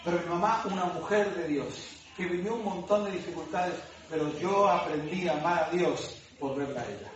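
A man with an Argentine Spanish accent, a pastor telling a personal testimony in a sermon, voice sinking soft at the tender parts. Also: high-pitched, normal speed, hardly any pauses, slight background noise. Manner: emotional storytelling, voice dropping soft at tender moments. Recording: echoey hall, voice from far off.

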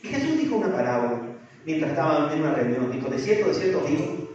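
A man's voice: fairly high pitch, big pitch swings, fast talker, darkish tone. A man preaching a sermon, asking the congregation rhetorical questions. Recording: echoey, distant, dull church sound with faint music.

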